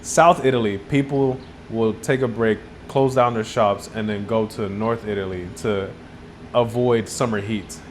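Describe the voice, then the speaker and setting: A man's voice: fairly low pitch, steady tone, a little slow, a little hiss or hum. A young man with a Texan accent, co-hosting a casual podcast chat, rambling through stories with frequent laughs and acted-out quotes. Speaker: podcast co-host back from a trip.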